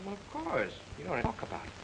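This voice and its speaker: An actor playing a flustered, mild-mannered young husband in 1940s screwball comedy banter, stammering and fussily polite, on an old film soundtrack. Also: male voice, high-pitched, huge pitch swings, fast, creaky, fairly bright tone, a little hiss or hum, exaggerated voice, low-quality recording. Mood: polite, puzzled.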